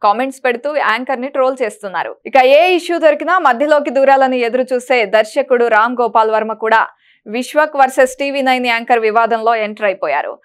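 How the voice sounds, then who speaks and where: A woman presenting entertainment news, reading a script in a brisk, even manner. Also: a little high, smooth.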